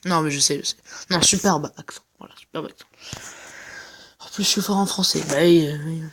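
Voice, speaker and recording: A woman's voice: sits low, a little fast. A woman hosting a gaming video in casual commentary, chatty and rambling, often repeating herself. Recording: music playing behind the voice.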